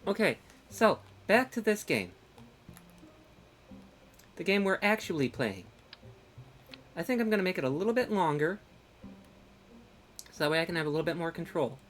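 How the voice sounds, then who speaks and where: A woman live-streaming a game, animated and joking, often scolding chat and stumbling over repeated words. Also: fairly low pitch, moderate pace, pauses often, a little hiss or hum. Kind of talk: casual live-stream chat while playing.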